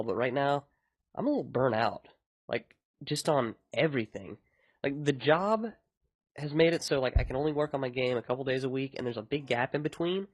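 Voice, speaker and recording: A man's voice: medium pitch, no room sound. A man hosting a podcast, talking in a casual, rambling way about his own work. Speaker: podcast host and indie game developer.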